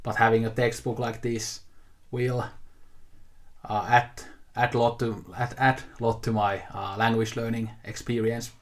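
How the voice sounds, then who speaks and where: A 28-year-old man, a native Finnish speaker, talks casually and unscripted to camera as a video host showing off a haul. His medium-pitched voice is level and a little slow. He's easygoing and rambling, with lots of fillers and restarts.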